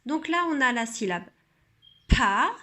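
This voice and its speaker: A woman teacher walks through a reading exercise step by step. She talks slowly and deliberately, stretching out each sound so a child can follow. Her voice sits a little high. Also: expressive, a bit bright. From France. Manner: slow, careful explaining with sounds drawn out. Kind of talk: instructional demonstration.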